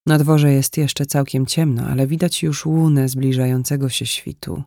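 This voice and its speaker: A man narrating a literary short story in a calm, even storytelling manner. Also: mid-range voice, normal speed, gravelly, dry recording, studio quality.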